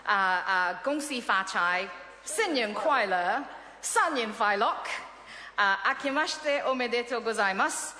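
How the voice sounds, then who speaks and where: This middle-aged South Korean member of parliament, a native Korean speaker, has a voice on the high side that is animated, bright and forceful at a measured pace. She gives an upbeat speech with frequent filler sounds in a large chamber, recorded with echoey, long reverb.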